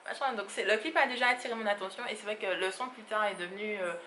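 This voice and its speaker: A woman's voice: mid-range voice, fast, bright, forceful tone, echoey room, slight background noise. A woman chatting casually as a beauty vlogger, rambling with frequent fillers and laughs. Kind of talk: casual monthly favorites vlog.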